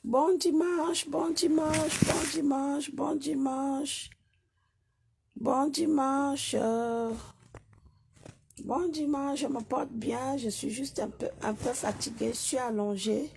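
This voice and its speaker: A woman with a hoarse voice, hosting a live stream while lying down in the dark, repeating greetings and haranguing viewers. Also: sits high, fairly even intonation, takes it slowly, slight background noise. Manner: repeats greetings over and over, then rants at a viewer.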